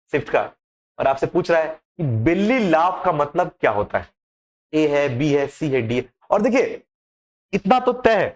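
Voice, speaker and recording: A man teaching an exam-prep lesson on English idioms, explaining in a lively, repetitive way and asking rhetorical questions. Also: on the high side.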